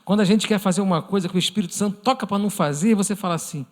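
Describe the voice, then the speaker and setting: Brazilian male preacher, high voice, earnest, church hall reverb. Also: racing. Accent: Brazilian Portuguese. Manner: earnest, addresses listeners as brothers; acts out imagined prayers in a softened voice. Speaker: church teacher. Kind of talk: church lesson sermon.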